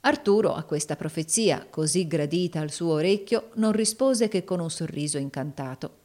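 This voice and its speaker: A woman reading a classic novel aloud in measured narration. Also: lowish voice, lively intonation, dark tone. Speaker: audiobook narrator.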